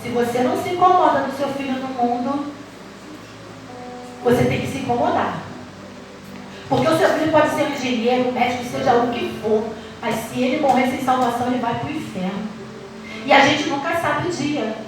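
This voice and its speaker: A woman's voice: sits high, moderate pace, long pauses, background noise. A middle-aged woman pastor with a Brazilian Portuguese accent, preaching a sermon passionately and emphatically, stretching and half-singing her phrases. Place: large church hall. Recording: echoey church hall, mic at a distance.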